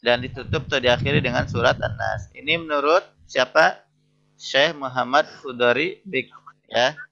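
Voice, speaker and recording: A male lecturer runs an interactive class, reading Arabic phrases slowly and explaining each one. His voice is bright with a gravelly edge. The audio is dull and lo-fi, as from an online class. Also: medium pitch. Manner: reads Arabic phrases slowly, then explains each one, keeps asking "betul tidak?". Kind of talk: interactive lesson.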